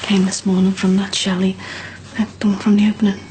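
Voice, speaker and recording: An actress plays a caring woman who speaks in hushed, sympathetic tones at a middle pitch. Steady background noise runs under her. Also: fairly quick, lightly acted, poor audio. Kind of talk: soap opera acting.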